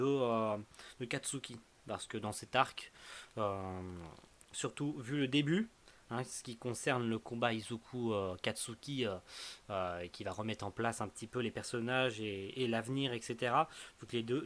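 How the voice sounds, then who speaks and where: A man's voice: medium pitch, a bit bright. A young man casually reviewing the month's manga to camera, rambling with many fillers and teasing his viewers.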